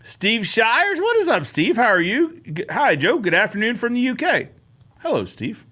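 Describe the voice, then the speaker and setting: A man's voice: very high-pitched, huge pitch swings, moderate pace, sharp tone. A man hosting a casual live-stream Q&A, upbeat and chatty, greeting viewers by name between answers. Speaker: host of a live Q&A show.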